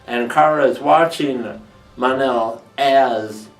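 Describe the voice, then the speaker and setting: Male reviewer, casual recap, jokey, roomy and distant, music bed. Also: mid-range voice. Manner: joking, acts out characters in quick throwaway voices. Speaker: TV episode reviewer.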